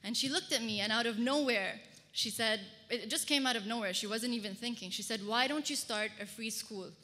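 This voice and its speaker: Her pitch is fairly high and her pace fairly quick, with a pushed, bright quality. She is a public speaker and fashion designer from Kuwait, sharing a personal story at a conference. It was recorded as an amplified talk in a large, echoing hall before an audience.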